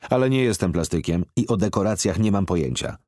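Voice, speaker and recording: Guy playing a blunt reserved middle-aged man, deep and curt, dry close sound. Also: big pitch swings, a little fast, mellow, no echo.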